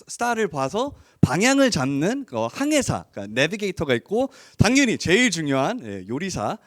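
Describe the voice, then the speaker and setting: A man's voice: high voice, no room sound, clean studio sound. A man preaching a sermon in an informal, explanatory way, sprinkling English words into his talk. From Korean raised abroad. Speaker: preacher, associate pastor of an English-language congregation.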